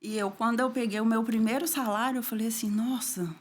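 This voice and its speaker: A middle-aged woman from Brazil, an interview guest giving an emotional personal testimony, her voice dropping low and soft and tearful at painful moments. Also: steady tone, a little fast.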